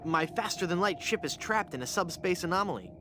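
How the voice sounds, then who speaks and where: High, lively trapped adventurer, noisy game audio. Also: male voice, fairly quick. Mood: bluffing. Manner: pleading, theatrical bluffing. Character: trapped adventurer posing as a ghost, hapless, earnest man. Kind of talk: comic adventure game acting.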